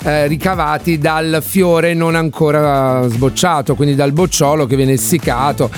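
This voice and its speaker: High-voiced male Italian quiz host on radio. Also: steady tone, a little slow, soft background music. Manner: Italian quiz host, chatty and playful, drawing out the answer options. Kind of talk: live radio presenting.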